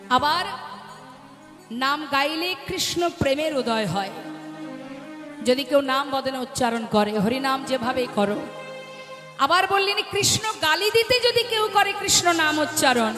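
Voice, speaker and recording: A woman's voice: sits high, a bit bright. A woman preaching a devotional sermon to a gathering, in a sing-song way, often asking her listeners questions and calling out to them. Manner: sing-song preaching, asks the audience questions, calls out "hari bol". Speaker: kirtan preacher. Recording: echoey hall with music.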